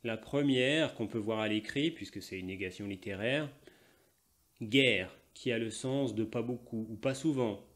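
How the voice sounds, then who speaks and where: A man who is a native French speaker, teaching a language lesson and repeating example phrases slowly and carefully. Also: mid-range voice, noisy background. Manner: slow deliberate repetition of example phrases; switches between Portuguese and French explanations. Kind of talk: language lesson explaining grammar.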